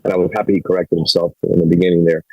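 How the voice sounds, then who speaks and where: A man's voice: sits low, level tone, racing, highs cut off. A man joining a public meeting by phone as commissioner, talking insistently and repeating himself, his voice garbled and breaking up on the line. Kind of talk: heated public meeting remarks.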